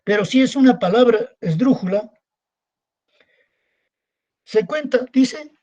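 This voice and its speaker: Speaking slowly and expressively, a male secondary school teacher with a very high but dark-toned voice gives a recorded online class, with the highs cut off. His style is repetitive, full of rhetorical questions that he answers.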